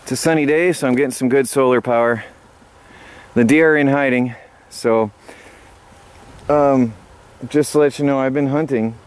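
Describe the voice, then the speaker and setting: A man's voice: medium pitch, fairly even intonation, moderate pace, long pauses, smooth. A man out of breath, talking casually to a handheld camera outdoors on his homestead, rambling with many fillers. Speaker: homestead vlogger. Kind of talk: casual vlog chat. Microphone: handheld camera mic.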